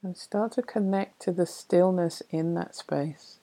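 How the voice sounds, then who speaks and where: A woman leading a guided meditation in a soft, soothing, unhurried way with long pauses. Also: lowish voice, poor audio. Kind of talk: guided meditation narration, reading a poem.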